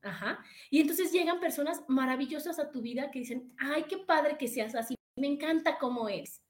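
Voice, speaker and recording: High-voiced Mexican woman, chatty. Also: normal speed. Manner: warm, chatty, addresses viewers directly. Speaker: live-stream host reading viewer comments. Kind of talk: casual motivational talk.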